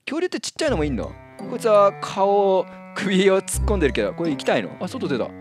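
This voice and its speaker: Male game streamer, lively up-and-down delivery, excitable, yelps when startled, faint music underneath. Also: high voice, fast. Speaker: Minecraft let's-play host. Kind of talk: casual gameplay commentary.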